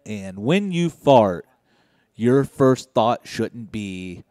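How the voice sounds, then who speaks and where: A young man from Indiana doing a stand-up set on a comedy club stage, deadpan and low-key with sudden loud outbursts. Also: very slow, no echo, studio quality.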